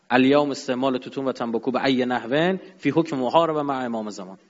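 A man giving an emphatic religious and political lecture to an audience, his voice jumping up and dropping low. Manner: emphatic, rising and dropping sharply. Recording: dull sound in a long-reverb hall.

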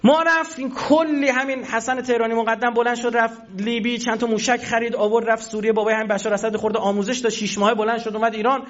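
A man's voice: extremely high pitch, few pauses, muffled recording. A man who is a university professor, giving a public talk and telling stories animatedly, addressing his listeners fondly. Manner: animated, storytelling, addresses listeners as dear ones.

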